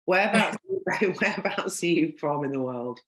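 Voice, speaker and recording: With a Northern English accent, this woman hosts a conversational podcast interview, wandering along in a chatty way full of "um" and "like." She has a low voice, lively intonation, normal pacing and a fairly bright tone, recorded in an echoey room.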